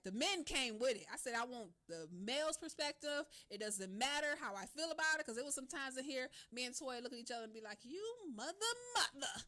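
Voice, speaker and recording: Lively high-voiced woman radio host. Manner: animated, slangy, laughs often, swears freely. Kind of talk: casual talk radio monologue.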